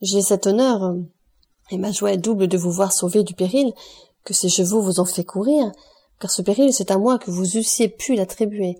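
A woman reading an audiobook and voicing a composed, commanding aristocratic count who speaks calmly and with authority. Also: mid-range voice, normal speed, breathy edge.

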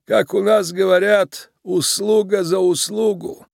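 A man voicing a tiny elderly male shrew crime boss with a creaky, commanding voice, speaking slowly in a storybook reading. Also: high-pitched, fairly even intonation, darkish tone, no room sound, studio quality, voice pushed up, heavily acted. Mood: cold menace. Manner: slow, drawn-out menace.

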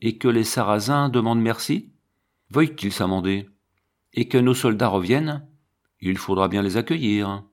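A man voicing a gentle, humble old monk who tends a convent garden, speaking in a mild, musing way. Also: lowish voice, normal speed, lightly acted.

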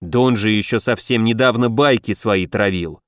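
A man voicing a stern, gloomy demoted dwarf guard in an audiobook, with a lowered, gruff voice. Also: normal speed, no room sound, clean studio sound, lightly acted. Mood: stunned.

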